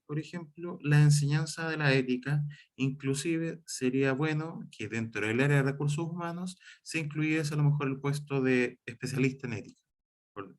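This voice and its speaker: A man from Chile teaching an online class on ethics and writing, explaining step by step with frequent fillers and self-corrections. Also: mid-range voice.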